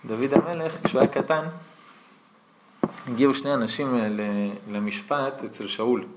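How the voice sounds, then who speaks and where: A man, a rabbi, giving a storytelling lesson to an audience and acting out the people in his tales with lively changes of voice. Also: mid-range voice, noisy background.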